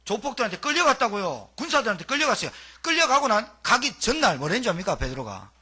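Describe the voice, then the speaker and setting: A male pastor preaching a dramatic, colloquial sermon, throwing out rhetorical questions. His husky voice sits high and swings widely, very forceful one moment and dropping low the next. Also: very animated, quick pace.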